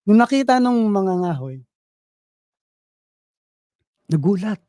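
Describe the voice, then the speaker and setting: A man giving a motivational business presentation, telling a fable in a lively way and often checking in with the audience. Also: high voice, slow, no echo. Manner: lively storytelling, asks audience "Tama?".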